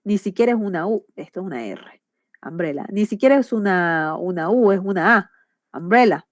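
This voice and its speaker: Female teacher explaining grammar, middle pitch, dry recording. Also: animated, normal speed, no echo. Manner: patient and explanatory, with frequent checks for understanding. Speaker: English teacher.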